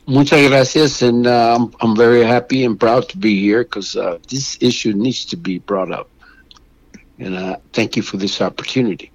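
Older man, halting, dry-sounding voice. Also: mid-range voice, steady tone, dry recording, muffled recording. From Mexico. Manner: halting, with many restarts and fillers. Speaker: guest. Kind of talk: phone interview.

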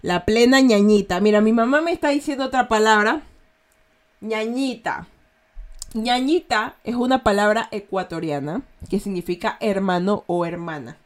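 A woman's voice: medium pitch, moderate pace. A woman with an Ecuadorian accent hosting a casual slang lesson, chatty and checking in with her listeners often. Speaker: host teaching slang.

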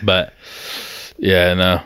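A man's voice: low-pitched, monotone, extremely slow, a bit bright, clean tone. A young man co-hosting a casual podcast, telling rambling stories full of laughter and swearing. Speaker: podcast co-host. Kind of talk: casual chat.

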